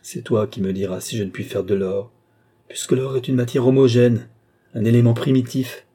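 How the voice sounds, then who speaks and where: A man's voice: mid-range voice, fairly even intonation, normal speed, mellow, slightly rough, natural voice. Man reading as a fervent alchemist. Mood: exalted.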